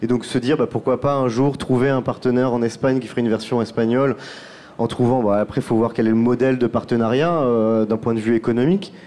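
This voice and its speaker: A man's voice: mid-range voice, steady tone, fast, dark tone. A man who produces podcasts, talking through his work in a round-table discussion and often restarting his phrases.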